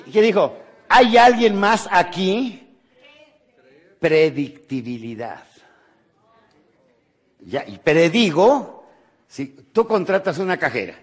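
Lively Mexican motivational speaker. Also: male voice, fairly high pitch, breathy edge. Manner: animated, rhetorical, tags questions with ¿eh? and ¿sí?. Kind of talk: motivational lecture.

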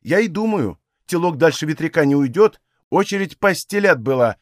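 A man reading aloud, voicing a frightened village woman who tells a grim story in a hushed, rushing way. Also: on the high side, expressive, no room sound, studio quality, close to an everyday voice. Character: frightened old village woman, breathless gossip.

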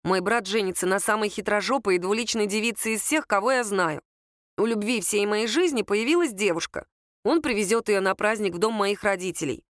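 A woman's voice: medium pitch, fairly quick, no room sound, clean studio sound, lightly acted. A woman reading a gloomy, self-pitying young woman student who complains sulkily and sarcastically in an audiobook. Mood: despairing.

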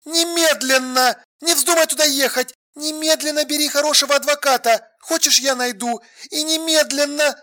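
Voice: high voice, moderate pace, hardly any pauses, voice pushed up. An audiobook reader voicing an exasperated adult woman on the phone, insistent and demanding. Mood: furious. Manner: insistent, sharp, then drained and flat. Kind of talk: audiobook dialogue.

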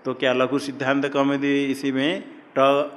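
A man's voice: medium pitch, completely flat delivery, measured pace. Man teaching in a reverberant hall. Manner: asks questions and answers them himself, repeating terms. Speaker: Sanskrit grammar teacher. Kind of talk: classroom lecture. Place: hall or classroom at an ashram.

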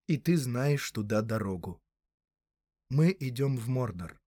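A man voicing a grave young male hero in an audiobook, speaking in a stern, measured way. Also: mid-range voice, animated, dark tone, no echo.

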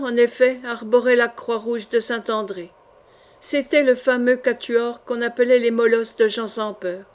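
A woman narrating an adventure novel in a measured, expressive reading. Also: fairly high pitch. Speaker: audiobook narrator. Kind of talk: scripted literary narration.

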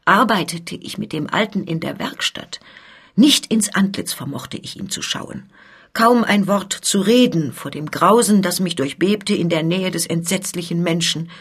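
A woman's voice: lowish voice, a little slow, husky. A woman voicing an anguished, earnest young male journeyman making an agitated confession in a storybook reading.

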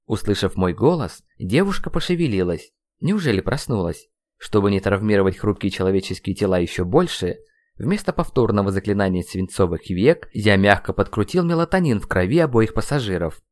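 A man's voice: on the low side, very animated, brisk. A man reading a fantasy audiobook as a first-person narrator, telling the story expressively. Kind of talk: scripted narration.

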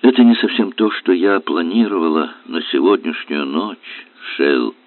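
A man reading the lines of a tired young woman witness in a soft, subdued way. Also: deep voice, expressive, unhurried, dry recording, voice pushed down. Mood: weary. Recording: dry, tinny phone-like sound.

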